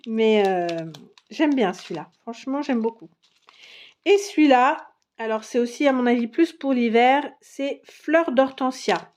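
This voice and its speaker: Slow chatty woman showing her craft haul. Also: on the high side, darkish tone. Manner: chatty, many fillers and pauses while browsing papers. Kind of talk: casual show-and-tell.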